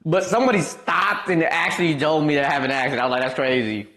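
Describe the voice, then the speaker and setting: A young Midwestern-accented man from Wisconsin talks at a quick pace in a voice on the high side. Casually chatting with stream viewers, he rambles in a relaxed manner, drops in many fillers, and gets lively when amused.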